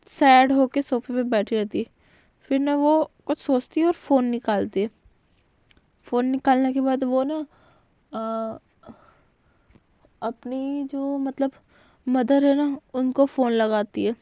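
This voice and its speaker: A woman's voice: fairly high pitch, mellow, no echo, lo-fi sound. A woman casually retelling a fan fiction story in a chatty way, with fillers and self-corrections.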